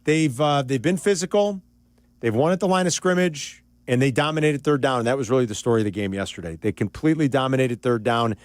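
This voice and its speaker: A man hosting sports talk radio, excitable and animated as he breaks down a game. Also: medium pitch, fairly quick, no echo.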